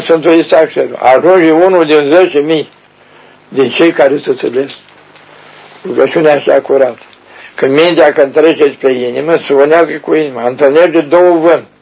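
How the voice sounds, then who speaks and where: A man preaching a spiritual sermon in a folksy way, speaking straight to his listeners and asking them questions. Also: on the high side. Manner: folksy, addresses listeners directly with rhetorical questions. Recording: dull lo-fi radio recording.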